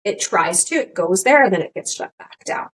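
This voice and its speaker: A middle-aged woman co-hosting a podcast, speaking at an ordinary middle pitch. She rambles in casual chat and often restarts her sentences. She acts out her own thoughts as little quotes. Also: normal speed, breathy edge, rough recording. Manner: rambling, restarts often, animated quoting of herself. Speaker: podcast co-host.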